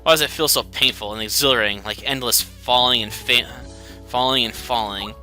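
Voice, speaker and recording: A man's voice: mid-range voice, fairly quick, bright, forceful tone, faint music behind. A man voicing a seductive female pixie succubus who talks in a formal, theatrical way. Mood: infatuated.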